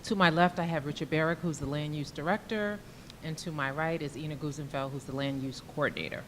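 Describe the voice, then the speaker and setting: A woman's voice: fairly even intonation, brisk. A woman chairing a public hearing, reading a formal procedural script in a courtroom-style recording. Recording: long reverb of a hearing room with faint rumble.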